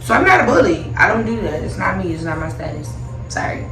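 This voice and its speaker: A woman's voice: on the low side, very animated, fast. A tipsy, giggly woman telling a rambling story in a casual, sassy and blunt way. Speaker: storytime vlogger. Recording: roomy echo, distant mic, loud music behind.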